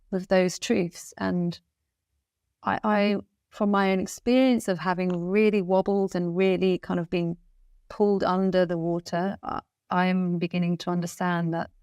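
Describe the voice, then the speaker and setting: A woman talks as an interview guest in a reflective, earnest, flowing manner, stringing phrases together and circling back to them. Her voice is smooth and sits a little low. The sound is close and dry, with no room around it. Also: a little mellow, no room sound. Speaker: guest musician. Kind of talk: reflective spiritual interview talk.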